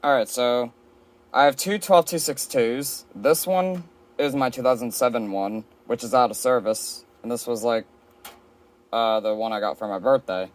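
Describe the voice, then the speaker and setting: A man shows off his shelf of weather radios in a relaxed home vlog, presenting the collection piece by piece from an indoor room. His voice sits at medium pitch and runs at a normal speed.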